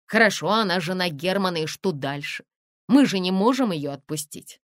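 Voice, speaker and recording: A curt, sardonic middle-aged museum director, read by a woman in an audiobook. His lines come in a lowish, lively voice, dry and close. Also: moderate pace, no room sound, natural voice. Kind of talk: audiobook character reading.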